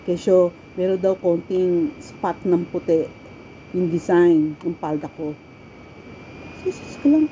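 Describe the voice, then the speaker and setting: A middle-aged woman from the Philippines telling stories from her life in a casual, animated way, often laughing and acting out quoted lines. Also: lowish voice, slow. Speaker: storyteller sharing her life. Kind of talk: casual personal storytelling. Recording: dull, lo-fi with faint background noise.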